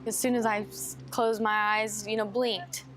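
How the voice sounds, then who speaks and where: A woman's voice: medium pitch, little pitch movement, unhurried, background noise. A young woman speaking in a recorded interview, hesitant and often repeating herself. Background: music.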